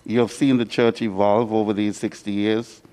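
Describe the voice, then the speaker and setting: A man, putting measured questions to a guest as an interviewer. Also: lowish voice, level tone, dark tone, clear, resonant tone, poor audio.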